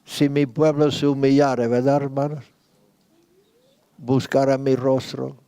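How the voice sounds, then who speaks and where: Slow, fervent praying pastor, man. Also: medium pitch, level tone, dark tone, clean tone, dry recording. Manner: slow fervent praying, repeating pleas, rising in intensity. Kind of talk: sermon and spoken prayer. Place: church retreat.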